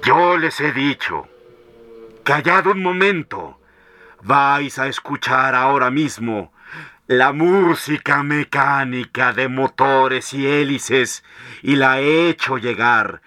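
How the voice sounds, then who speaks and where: A mighty talking machine tells its own story, read by a man. The delivery is slow and grand, with a bright, slightly high voice. The recording is close and dry. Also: dry recording. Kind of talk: storybook narration.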